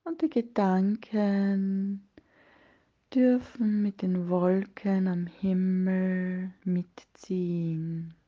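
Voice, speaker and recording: A woman leading a guided meditation in a soft, breathy, partly whispered voice, soothing and hushed, with long pauses between phrases. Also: mid-range voice, fairly even intonation, muffled recording.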